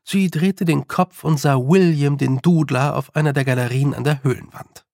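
A man narrating a storybook in a calm, unhurried reading style. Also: fairly high pitch, gravelly, no echo, studio quality. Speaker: audiobook narrator. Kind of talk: scripted narration.

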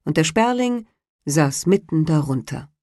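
A woman reading a fairy tale aloud in a measured way. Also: low-pitched, animated, a little mellow, no room sound, clean studio sound. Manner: slow, measured narration. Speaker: storyteller.

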